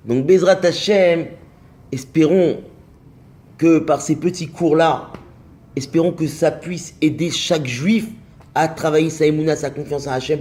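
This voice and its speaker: A man giving a short religious lesson, telling a story and voicing its dialogue, with Hebrew terms in his speech. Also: a little mellow. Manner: storytelling, acts out dialogue with rising pitch. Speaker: Torah teacher.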